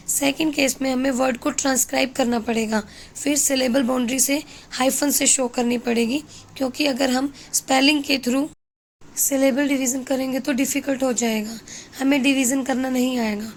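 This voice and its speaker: A woman teaching an English lesson, explaining slowly and mixing in Hindi. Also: high voice, steady tone, slight background noise.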